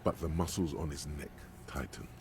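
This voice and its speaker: A man's voice: extremely low pitch, fairly even intonation, moderate pace, a little hiss or hum, voice pushed down. A man voicing the wry, ominous inner voice of a detective, narrating a video game with drama. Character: brooding inner voice of a male detective.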